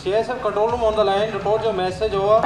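A middle-aged man playing a brisk control room officer, talking in clipped radio dispatch style. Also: high voice, level tone, crowd noise. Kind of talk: acted radio dispatch in a documentary re-enactment. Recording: echoey old film audio, music behind.

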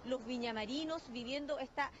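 A woman, reporting live from a sunny beach into a handheld mic, brisk and upbeat. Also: high voice, lo-fi sound. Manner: brisk, upbeat, many questions. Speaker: field reporter. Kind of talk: live on-location news report. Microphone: handheld microphone.

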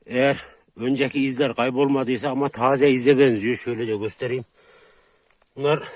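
Brief: male farm vlogger, mid pitch, murmuring to camera outdoors. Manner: talks low and hushed while tracking, then loud and high calling to his dogs. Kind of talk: casual outdoor vlog.

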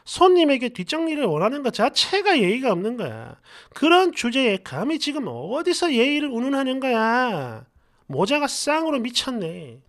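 Woman, story channel narrator, reading comments aloud, brash and slangy, animated swinging pitch. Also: moderate pace. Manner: lively, animated delivery.

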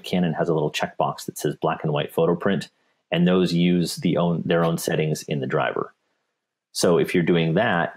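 Man, webinar answers, very deep voice, husky tone, relaxed, repeats himself. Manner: relaxed, with frequent repeats and restarts. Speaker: paper company technical specialist. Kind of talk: webinar Q&A, answering viewer questions.

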